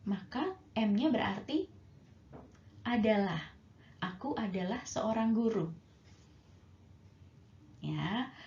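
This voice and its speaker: A woman's voice: fairly high pitch, dark tone. Patient woman teaching English grammar. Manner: slow, patient, stretching out example sentences. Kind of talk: bilingual grammar lesson. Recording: roomy, dull lo-fi sound with faint noise.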